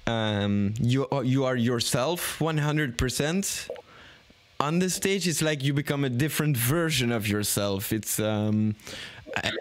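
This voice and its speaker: A man's voice: mid-range voice, a little slow. A young man in his twenties hosting a podcast from a small home studio, talking thoughtfully and often searching for words. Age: 20s. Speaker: podcast host. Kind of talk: casual podcast conversation. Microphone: studio microphone on an arm, headphones on.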